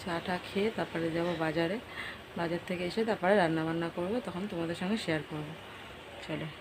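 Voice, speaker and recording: A middle-aged woman talking casually to her vlog viewers in a brisk, practical way about her chores and cooking. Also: fairly low pitch, steady tone, very noisy. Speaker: vlogger's mother.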